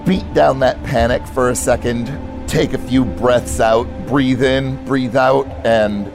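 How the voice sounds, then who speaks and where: A man narrating as game master, calmly describing scenes and calling for dice rolls. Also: mid-range voice. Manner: calm, descriptive scene-setting with soft pauses. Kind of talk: narrating a tabletop game over music. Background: loud background music.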